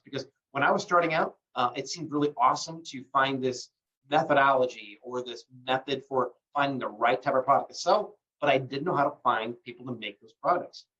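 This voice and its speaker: Recovering from bronchitis, a man hosts a livestream call in a relaxed, promotional way, his speech full of fillers. His medium-pitched voice sounds distant from the mic, and the call audio is muffled, dull and lo-fi.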